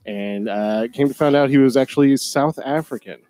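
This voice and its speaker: A man hosting a casual podcast, playful and quick to laugh. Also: mid-range voice, dark tone, faint music behind. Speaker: podcast host. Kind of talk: casual chat.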